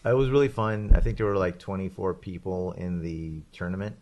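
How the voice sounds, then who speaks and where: A man co-hosting a podcast, telling a tabletop game story in a rambling, animated way with laughs and restarts. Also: low-pitched, brisk. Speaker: podcast co-host. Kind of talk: casual chat.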